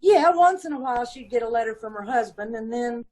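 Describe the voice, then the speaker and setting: The recording is rough as a woman with a slightly high, dark-toned, animated voice talks fairly quickly. She plays an old-time radio drama witness to the police, a gossipy, aggrieved middle-aged landlady with five children, folksy and ungrammatical, grudging, indignant and self-pitying.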